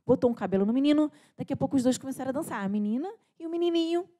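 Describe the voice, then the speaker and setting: A woman's voice: high-pitched, lively intonation, rapid-fire, warm tone. A young adult woman preaching at a church service, telling a story with quoted dialogue and frequent restarts. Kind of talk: sermon.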